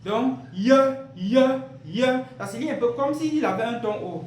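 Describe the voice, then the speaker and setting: A man with a strikingly high voice leads an online language lesson. He explains slowly and patiently, repeats his points and poses rhetorical questions that he then answers himself. The recording has a noticeably roomy echo. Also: expressive. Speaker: language teacher.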